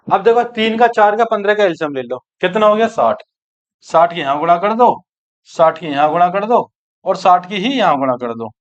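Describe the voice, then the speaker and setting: A man from teaching a maths class, working each problem aloud and asking his students questions. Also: high-pitched. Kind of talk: exam-prep maths lesson. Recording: dull lo-fi online class recording.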